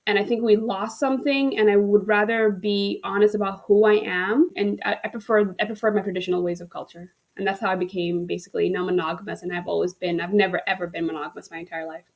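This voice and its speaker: A woman from Kenya, a relationship coach, telling a personal story in conversation with many pauses and ums. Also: mid-range voice, flat delivery. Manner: thoughtful, with frequent ums and restarts.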